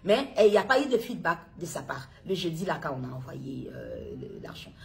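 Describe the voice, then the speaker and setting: A worried middle-aged mother from Congo, filmed at home on a phone, recounting events in a halting way with many restarts. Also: low-pitched, very animated, gravelly. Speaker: worried mother making an appeal. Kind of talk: personal appeal video. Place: home interior, indoors. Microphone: phone at arm's length.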